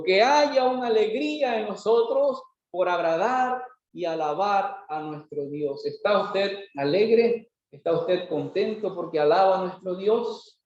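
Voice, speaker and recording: Man, preacher, sermon, rhetorical questions, high voice, very echoey, dull lo-fi sound. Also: a little mellow. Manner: rhetorical questions, emphatic repetition. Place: church worship hall.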